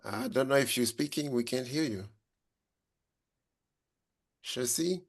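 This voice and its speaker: A man hosts an online group chat and keeps it moving, calling on each person in turn. He speaks in a brisk, practical way. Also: medium pitch. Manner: brisk, calls on people by name. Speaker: group facilitator. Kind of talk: moderating a video call. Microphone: video call.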